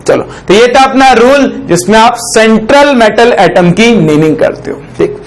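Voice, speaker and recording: A man teaching a chemistry lesson in a very high voice. He keeps asking his students a question and answering it himself. He dictates some phrases slowly, word by word, for them to copy down. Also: lively intonation, rough recording. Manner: dictates slowly while writing on a board; ends phrases with a checking "ठीक".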